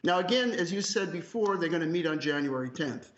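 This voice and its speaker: On live news, a male academic appears as a guest analyst, his fairly high voice animated and a bit fast. He speaks conversationally yet emphatically, direct and full of opinion. The call audio is slightly muffled, with a roomy echo.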